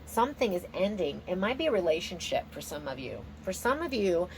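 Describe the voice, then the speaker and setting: A woman's voice: lowish voice, big pitch swings, fairly quick, slight background noise, low-quality recording. A woman giving a casual, improvised tarot reading in an informal, exclamatory, slangy way. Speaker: tarot reader.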